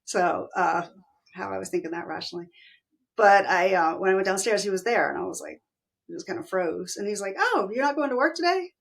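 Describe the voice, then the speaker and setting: A middle-aged woman telling a personal story as an interview guest, animated, acting out the voices of people she quotes. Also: fairly low pitch, fairly quick, creaky.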